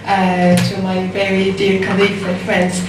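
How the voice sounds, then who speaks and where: A young woman in her twenties with a North African, giving a halting, formal academic presentation. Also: mid-range voice, monotone. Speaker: student presenter. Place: indoor seminar room, far from mic. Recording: very echoey room, distant mic, noisy.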